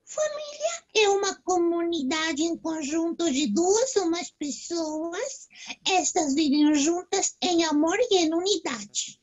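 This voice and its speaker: A man's voice: lively intonation, takes it slowly, muffled recording, full character voice. A man voicing a cheeky young boy puppet in a children's church segment, talking in a playful, teasing sing-song way. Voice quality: squeaky, high childlike voice.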